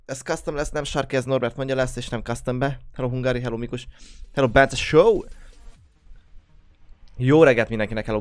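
A man's voice: medium pitch, a little mellow, smooth, no room sound. A young man hosting a game livestream, just woken up, greeting viewers one by one in casual chat. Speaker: livestream host.

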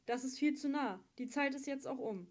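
Woman reading impatient male guard, curt, stern, slightly raised loud voice, warm low tone. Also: normal speed, natural voice. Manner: curt, barking orders.

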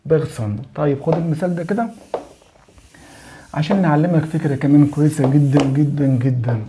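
A man with an Egyptian Arabic accent explaining a French grammar lesson, often checking that the student is following and slowly spelling out examples. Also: on the high side, steady tone, background noise. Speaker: French teacher.

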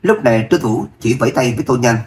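A man's voice: mid-range voice, fast, slight background noise. Man narrating an audio novel. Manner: steady storytelling narration.

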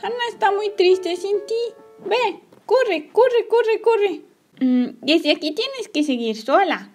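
A woman voicing Emma, a kind, secretive young girl, coaxing her pet gently in a toy story play. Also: very high-pitched, very animated, unhurried, soft background music, heavily acted. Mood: hurried. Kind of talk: playing with toy figures.

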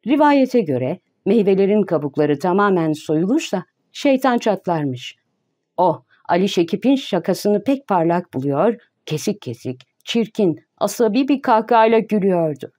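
A woman reading a classic novel aloud as an audiobook narrator, in a measured, even manner. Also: medium pitch. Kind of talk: scripted narration.

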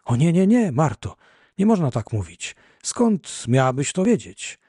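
A man's voice: a little high, very animated, measured pace, warm tone, slightly rough, dry recording, studio quality, pitched above the performer's own voice, heavily acted. A man reading an audiobook, voicing a heartbroken, weary husband who begs his wife to stay. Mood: imploring. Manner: imploring, weary. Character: heartbroken ill husband, desperate.

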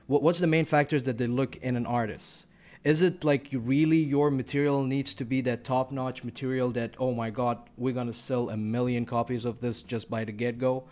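A man hosting a podcast in casual interview chat, hesitant and halting, stammering through his questions and apologizing for it. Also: mid-range voice, darkish tone. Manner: hesitant, halting, many fillers and restarts, apologetic. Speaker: podcast host.

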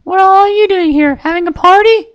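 A narrator voicing Pinkie Pie, a bubbly pink pony mare with a high, squeaky, giggly sing-song voice who hides a murderous streak. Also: normal speed, lo-fi sound. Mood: cheery.

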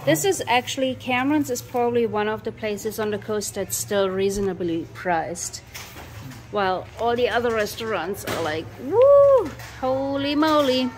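A woman's voice: a little high, very animated, moderate pace, darkish tone. A woman filming a family vlog on her phone, gushing with enthusiasm about everything around her. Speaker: vlogger and mother. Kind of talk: casual family vlog narration. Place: busy pub restaurant, indoors. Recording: crowd chatter in a busy pub.

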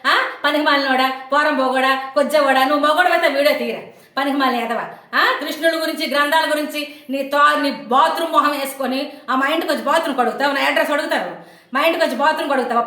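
An online commentator with a very high, bright, sharp voice tears into someone in a fast, angry rant to camera, scolding and firing off taunting questions. An echo suggests she recorded in a bare room.

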